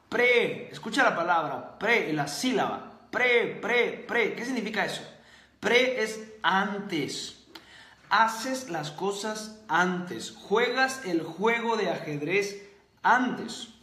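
A man hosting a motivational book-review video, talking emphatically with rhetorical questions and drawn-out stresses. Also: high voice, fairly bright tone, roomy sound. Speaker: host.

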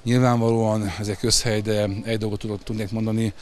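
A man's voice: fairly low pitch, little pitch movement, darkish tone. A man in his forties, a football coach, giving a post-match interview outdoors into a handheld microphone. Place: outdoors beside a stadium running track.

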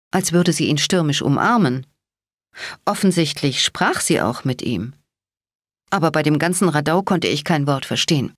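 Woman, audiobook narrator, low voice, dry close recording, dramatic storytelling. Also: dry recording. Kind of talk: scripted first-person narration.

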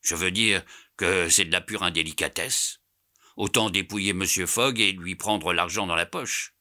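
A man reading an audiobook, voicing an excitable, loyal young French manservant who bursts out indignantly. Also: deep voice, normal speed. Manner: indignant, animated outbursts.

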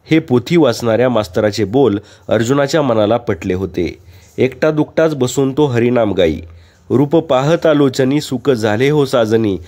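A man reads a story aloud with a calm, measured delivery. His voice has a mellow, warm tone at a middle pitch. The reading stays steady throughout. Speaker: narrator.

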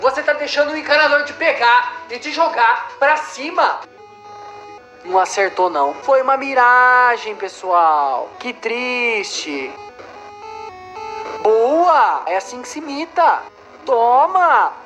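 A Brazilian-accented woman giving loud, excitable gameplay commentary, shouting and cursing at the game. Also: on the high side, slow pace. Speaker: gamer. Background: game music.

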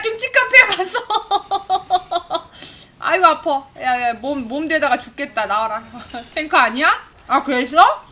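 A woman in her forties streaming a game live, chattering with high energy, laughing often and shouting at her teammates. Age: 40s. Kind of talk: excited live gameplay commentary.

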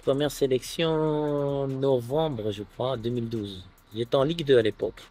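A man in his thirties from France, a footballer guest chatting casually on an outdoor terrace, relaxed and full of filler phrases. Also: mid-range voice, normal speed, soft background music. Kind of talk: casual interview chat.

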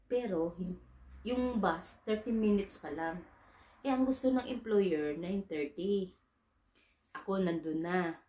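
A Filipino woman working abroad as a domestic worker tells a casual, chatty story, mixing English into her Tagalog and acting out her own dialogue. Her voice is mellow and fairly low, slow-paced with frequent pauses, and the sound is reverberant.

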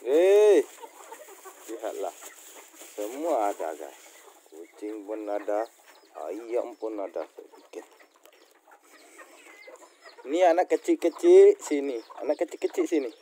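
A man speaks. He talks slowly, and his voice swings widely in pitch. He shouts short orders at his animals, and some of his calls come from farther from the mic. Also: big pitch swings, slight background noise. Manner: loud high calls of "kur" to chickens; scolds animals sharply. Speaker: vlogger. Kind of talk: casual vlog, calling animals.

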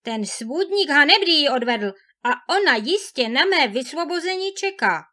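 A woman's voice: sits high, animated, pushed and bright, voice pushed up. A woman voicing a desperate lovesick young husband. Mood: anguished. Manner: emotional outcries, pleading. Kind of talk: fairy tale read aloud.

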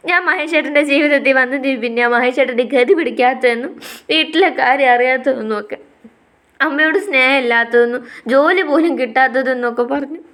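A woman's voice: high voice, fairly quick, fairly bright tone, pitched above the performer's own voice. A woman voicing a shy young wife who speaks in a pleading, emotional way. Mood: tearful.

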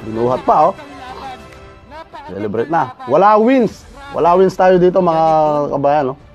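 A man giving a lively reaction commentary on a boxing video, shouting punch sound effects between remarks. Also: fairly high pitch, moderate pace, lo-fi sound, soft background music, some chatter behind. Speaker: YouTuber reacting to a fight video.

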